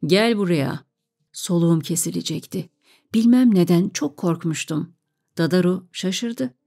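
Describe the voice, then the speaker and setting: A woman reading a story aloud in a calm, measured way. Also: fairly low pitch, husky.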